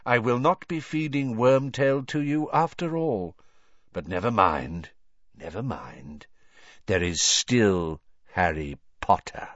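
A man voicing a cruel male dark wizard with a cold, high-pitched, icy tone in a dull, dry recording. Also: dry recording. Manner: icy, measured menace.

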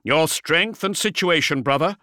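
A man's voice: fairly high pitch, measured pace, sharp tone, no room sound, studio quality, voice pushed up. A man voicing a curt, commanding male starship captain giving short orders.

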